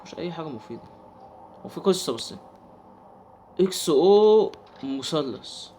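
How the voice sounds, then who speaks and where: Jumpy Egyptian gamer with a lively voice. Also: male voice, a little high, moderate pace, slight background noise. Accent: Egyptian Arabic. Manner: jumpy, talks to himself and the game, yelps when startled. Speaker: gaming channel host. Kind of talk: horror game let's play commentary.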